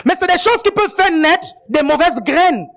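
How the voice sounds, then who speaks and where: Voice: very high voice, lively intonation, normal speed, gravelly, a bit bright. A guest preacher giving a sermon, often checking in with the congregation and adding playful asides.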